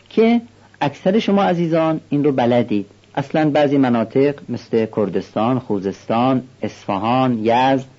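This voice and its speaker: Mellow-voiced man teaching recitation. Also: medium pitch, husky, highs cut off. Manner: measured, slowing down to demonstrate pronunciation. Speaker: teacher of call-to-prayer recitation. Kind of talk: instructional explanation with recited examples.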